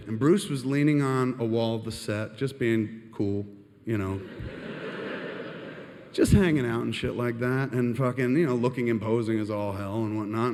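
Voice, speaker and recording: A man spins a long, profane comic anecdote on stage, rambling and poking fun at himself. His voice sits at an everyday middle pitch, and a long hall reverb trails behind every phrase. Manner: animated, profane, rambling, self-mocking. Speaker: storyteller on stage.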